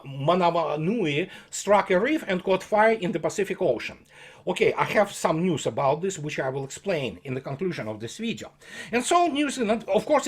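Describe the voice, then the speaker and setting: A man talking in a casual commentary monologue, rambling and sarcastic, with many fillers and restarts. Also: high voice. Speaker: channel host.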